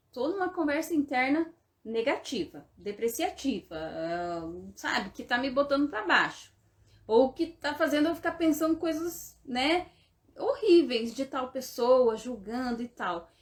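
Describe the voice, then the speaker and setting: A woman's voice: high-pitched, big pitch swings, unhurried. A woman with a Brazilian Portuguese accent, a therapist giving casual coaching talk and checking in with her listener through constant short tag questions.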